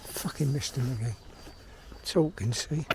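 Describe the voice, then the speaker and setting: Here a London-accented vlogger and filmmaker in middle age wanders a park, chatting bluntly to himself and cursing as he goes. His mid-range voice moves a little slowly. You can hear birds and general outdoor ambience behind him.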